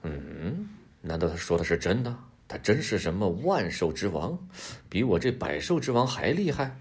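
A man voicing a big hungry male tiger who talks slowly and heavily. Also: big pitch swings, husky, exaggerated voice. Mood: doubtful. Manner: slow, low, heavy speech.

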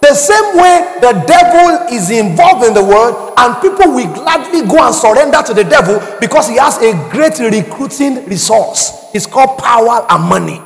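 A man preaching a sermon to a congregation, calling for responses and often shouting. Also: very high-pitched, animated, normal speed, vocal fry, hardly any pauses, in a large hall. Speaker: pastor.

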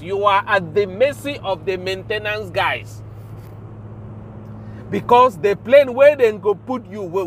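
High-voiced Nigerian man ranting informally. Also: a bit bright, a little hiss or hum. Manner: halting, repetitive, emphatic. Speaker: show host. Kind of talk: informal spoken rant in Pidgin.

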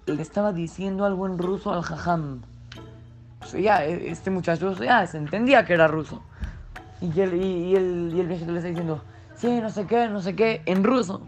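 Man telling a story to children. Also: high voice. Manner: speaks directly to children, unhurried storytelling.

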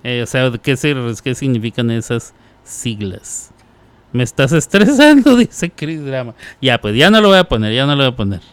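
A man's voice: mid-range voice, expressive, normal speed, clear, resonant tone, no room sound. A man hosting a radio show, chatting casually, teasing listeners and laughing often. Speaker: radio host.

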